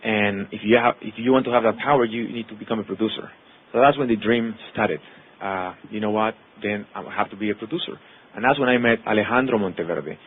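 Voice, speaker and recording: Speaking fast in a lowish, husky voice, this Mexican actor and producer in his thirties addresses an audience with a heartfelt personal account. Spanish is his native tongue, he has a Mexican accent, and he strings words together in long lists. The audio has a thin, phone-like quality.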